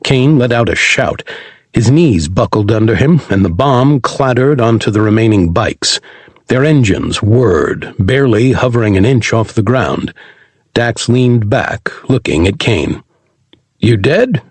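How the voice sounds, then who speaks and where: A man reading a sci-fi audiobook aloud in an animated, dramatic way. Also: fairly low pitch, measured pace, husky, no room sound. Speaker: audiobook narrator. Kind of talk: scripted audiobook narration.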